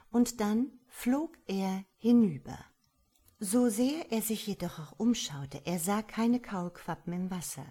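Woman, storybook narration, expressive, low voice, lively melody. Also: breathy edge. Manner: expressive, unhurried telling. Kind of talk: storybook reading.

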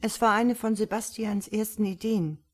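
A woman's voice: mid-range voice, fairly even intonation, moderate pace, pitched above the performer's own voice, lightly acted. A woman voicing a gloomy, grumbling helmeted male creature in a read-aloud story. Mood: worried. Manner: grumbling and worried.

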